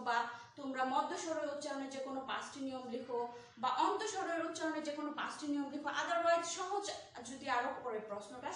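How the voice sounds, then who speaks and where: A high-pitched woman teaches a grammar class, putting questions to her students and then answering them herself. She says each key term slowly and more than once. Her voice sits away from the mic in a very echoey room with faint noise behind. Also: fairly bright tone, distant mic. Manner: repeats key terms slowly. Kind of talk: Bangla grammar lesson.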